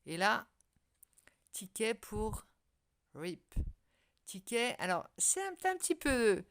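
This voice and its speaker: Speaking slowly in a slightly high, very animated voice, a tarot reader addresses the viewer directly in a casual reading. She's hesitant, full of fillers and restarted sentences.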